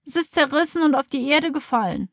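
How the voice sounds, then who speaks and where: Woman as young schoolgirl, high and whiny, near tears, children's storybook. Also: expressive, brisk, creaky, no room sound, clean studio sound. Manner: tearful, pleading.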